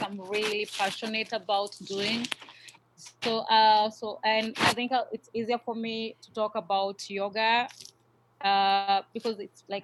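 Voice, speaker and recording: A woman in her thirties with a Kenyan accent chats as a podcast guest. She talks in a relaxed way, pausing often to find her words. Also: medium pitch, noisy background. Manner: relaxed, many "uh" pauses. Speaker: podcast guest, yoga teacher trainer. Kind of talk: casual interview chat.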